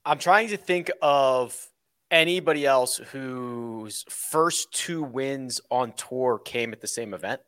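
A man's voice: medium pitch, takes it slowly, fairly bright tone, dry recording, studio quality. A man hosting a golf podcast, giving casual, conversational golf commentary and thinking aloud as he goes.

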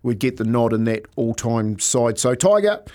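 A man's voice: medium pitch, big pitch swings, normal speed, darkish tone. A man chatting casually as a panellist on a sports radio show.

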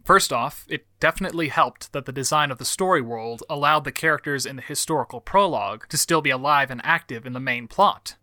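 A man reading scripted, analytical video essay narration in an articulate way, with measured emphasis. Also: a little high, pushed and bright, no room sound, clean studio sound.

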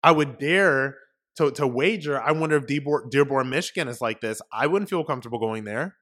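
A man delivers a political commentary monologue as host of his own show. He talks emphatically and repeats himself for effect, piling up rhetorical questions. His voice sits at an ordinary middle pitch. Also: a little fast, a bit bright. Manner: emphatic, repetitive, ranting. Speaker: podcast host.

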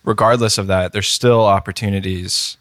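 A man co-hosting a podcast, asking long measured questions with hesitant fillers. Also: on the low side, fairly even intonation, a bit bright, no echo, studio quality. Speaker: podcast co-host. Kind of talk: interview questions.

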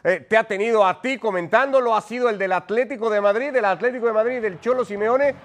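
A man's voice: high voice, fast, faint music behind. A man hosting a football discussion show, speaking in an emphatic, conversational way. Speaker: sports show host.

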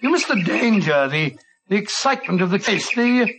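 An actor playing a genial, blustery elderly British doctor and loyal companion in old-time radio style. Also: male voice, high-pitched, big pitch swings, moderate pace, fairly bright tone, husky, heavily acted. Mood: genial, flustered. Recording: muffled old radio recording.

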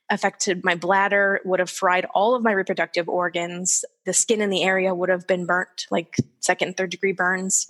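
A woman in her forties telling her own story in casual conversation, candid and animated, acting out the people she quotes. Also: mid-range voice. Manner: candid and animated, quoting others in lively voices. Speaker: guest. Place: lives in the desert southwest of the US.

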